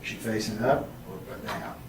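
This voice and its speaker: A man's voice: fairly low pitch, steady tone, a little slow. A man questioning someone as a police interrogator, methodical and probing, repeating answers back. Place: echoey interrogation room, far mic. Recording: echoey room, distant mic, heavy noise.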